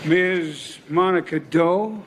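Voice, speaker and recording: An impatient male judge with a high voice. He is formal and brisk, in TV-drama style, over faint courtroom noise. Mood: formal, questioning.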